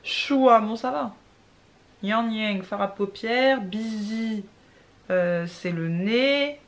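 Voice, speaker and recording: A woman talking casually through a makeup tutorial. She keeps trying out foreign words and repeating them, and sometimes drops to a soft murmur while she works. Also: mid-range voice, drawn-out words. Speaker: beauty vlogger.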